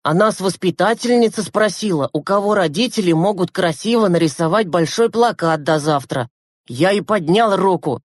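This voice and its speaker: A woman reading a storybook and voicing young schoolboys, whiny and excitable. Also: on the high side, moderate pace, dry recording, clean studio sound, pitched above the performer's own voice, close to an everyday voice. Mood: eager. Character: young schoolboy brothers, eager and sulky.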